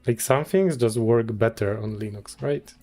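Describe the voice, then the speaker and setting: Slow-talking man, hesitant. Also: mid-range voice, mellow, soft background music. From Poland. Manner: hesitant, restarts often, chuckles, thinking aloud. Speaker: game developer streamer. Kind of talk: casual livestream chat.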